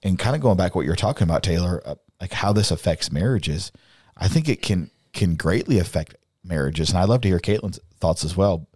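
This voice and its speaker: A man with a very low, deep voice, speaking as a therapist and co-host on a podcast. He talks earnestly, working his thoughts out aloud with restarts. The sound is dry and close to the mic. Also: expressive, a little fast, darkish tone, husky, no room sound. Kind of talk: casual podcast discussion.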